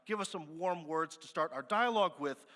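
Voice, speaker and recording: Onstage at a business forum, a US moderator keeps things easygoing and chatty, padding gaps with many fillers. The large conference hall gives his bright, rather high voice a long, echoing reverb.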